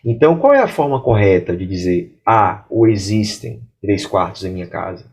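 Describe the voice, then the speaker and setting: In a slow, clear English grammar lesson, a Brazilian Portuguese-speaking man reads example sentences aloud. His voice runs on the low side and darkish, with a sing-song lilt.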